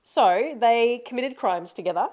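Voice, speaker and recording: Woman, podcast co-host, relaxed storyteller, easy laughter, casual chat. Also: on the high side, measured pace. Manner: chatty, laughs often, tells stories with lots of fillers.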